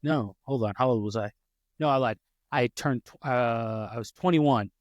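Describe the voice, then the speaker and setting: Speaking at a moderate pace in an ordinary middle pitch, a man in his thirties hosts a podcast casually, wandering into personal anecdotes and stopping to fix what he said. The recording is close and dry with no room sound, and the highs are cut off.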